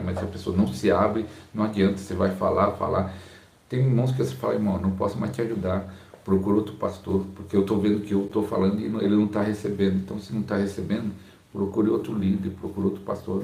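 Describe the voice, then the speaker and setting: A man with a Brazilian Portuguese accent, a pastor teaching his audience in a slow, calm, soft-spoken way, recorded on a phone's built-in mic. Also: low-pitched, creaky, reverberant. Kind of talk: informal teaching talk to a live audience.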